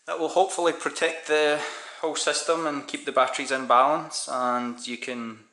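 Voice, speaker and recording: Filming only his hands, this man from Scotland unboxes parts at his home kitchen counter, a hobbyist musing aloud and fixing his own slips in a relaxed chat. His fairly high voice is sharp and steady at a normal speed. The camera mic picks up kitchen echo and background noise.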